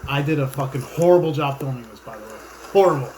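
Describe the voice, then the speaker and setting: A man's voice: mid-range voice, fast, a little mellow. A man chatting informally as a co-commentator, raising questions and swearing now and then. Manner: informal, profane. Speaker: co-commentator who filmed the video. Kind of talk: casual chat, questioning. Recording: echoey room.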